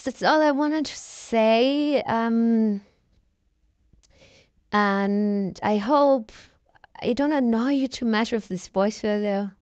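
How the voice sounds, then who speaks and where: Through a voice changer filter, a young-sounding content creator rambles casually in a vlog. Their voice is mid-range and slightly mellow, with no echo in the recording.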